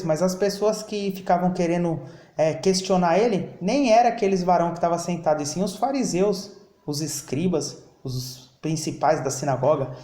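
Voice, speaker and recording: A man's voice: high-pitched, dark tone, echoey room. A man preaching a sermon, often asking his listeners for an "amen". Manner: preaching with call-and-response "amém?" and acted prayer lines. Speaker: pastor. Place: church.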